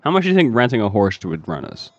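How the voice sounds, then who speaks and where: A man playing in a tabletop game, excitable and joking, with frequent swearing. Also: lowish voice, quick pace. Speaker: player. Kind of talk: casual tabletop game chat. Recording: dull lo-fi audio.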